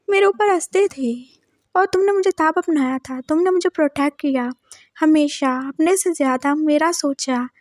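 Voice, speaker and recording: A woman's voice: high voice, darkish tone, no room sound, studio quality, natural voice. A woman voicing an older, sensitive husband who speaks earnestly and scolds sharply.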